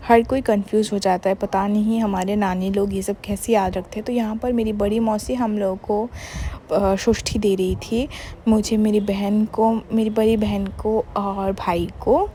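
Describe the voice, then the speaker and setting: A woman's voice: mid-range voice, little pitch movement, moderate pace, warm tone, slight background noise. A young woman from Bengal, chatting casually over her vlog footage and mixing in English words and fillers. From Bengal, India. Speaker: vlogger.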